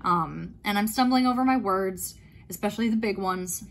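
A woman's voice: mid-range voice, normal speed, fairly bright tone, a little hiss or hum. A woman talking casually through her nighttime skincare routine in a chatty, meandering way, with fillers and small self-corrections. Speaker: skincare vlogger. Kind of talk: casual talk-through while doing skincare.

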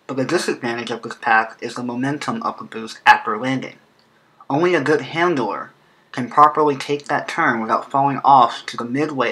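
A man narrates a scripted explainer in a bright, forward voice at a medium pitch. He has a lisp that comes from an underbite, heard as he presents like an online video creator. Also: poor audio. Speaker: video creator presenting a fan game track design.

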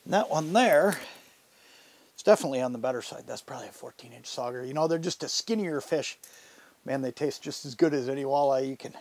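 A middle-aged fishing show host gives casual, instructional commentary from inside a fabric ice-fishing shelter, folksy, enthusiastic, and conversational. His medium-pitched voice is a little mellow and a little fast.

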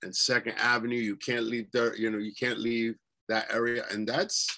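On a webcam video call from his bedroom, a guest in his forties with a New York accent chats casually in an interview, rambling through childhood memories with lots of fillers and false starts. He's from New York City and speaks at normal speed in a mid-range, sharp-toned voice with little pitch movement.

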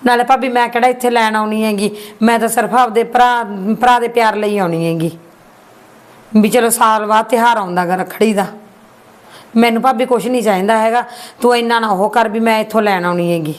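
An actress playing a gentle married sister who plays down how badly she was treated. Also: fairly high pitch, steady tone, brisk, close to an everyday voice. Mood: pleading. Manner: soft, self-effacing, polite. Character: meek young married sister, tearful and gentle. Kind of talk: amateur short-film acting.

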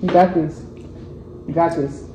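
A woman's voice: sits low, fairly even intonation, a little slow, warm tone, reverberant, dull audio, slight background noise. A woman on a casual couple's challenge video, counting down and cheering her partner on over and over. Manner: coaxing, counting down, repeats encouragement. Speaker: vlogger encouraging her partner.

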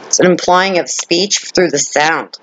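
A man with a somewhat high voice leads an informal Bible study. He reads scripture aloud and then explains it piece by piece. He repeats key words for emphasis and keeps checking in with his listeners. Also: measured pace, a bit bright, slight background noise, poor audio. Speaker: Bible teacher.

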